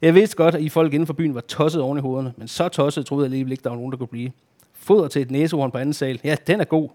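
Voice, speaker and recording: A man voicing a gruff, suspicious farmer on the telephone, scoffing and incredulous, in a storybook reading. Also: on the high side, warm tone, close to an everyday voice. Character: suspicious, gruff grown male farmer on the phone.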